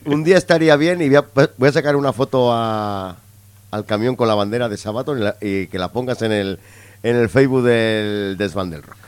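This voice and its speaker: A man's voice: medium pitch, brisk, clean tone, dry recording. A man with a Spanish accent co-hosting a rock radio show, enthusiastic and exclamatory. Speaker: radio co-host. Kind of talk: casual radio chat.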